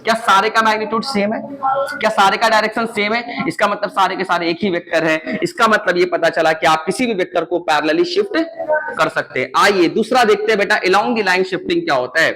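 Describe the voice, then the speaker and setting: Male physics teacher with a high, bright voice. He quizzes the class and answers his own questions. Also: fairly quick, poor audio. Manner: asks questions and answers them himself; calls students beta, repeats key points. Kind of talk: recorded physics lecture.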